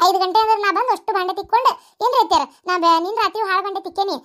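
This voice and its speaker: A woman doing a shrill, fast village daughter-in-law. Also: fairly bright tone. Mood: brisk. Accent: North Karnataka Kannada. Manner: chattering, fussing. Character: busy village daughter-in-law, brisk and caring. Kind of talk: cartoon story voice acting.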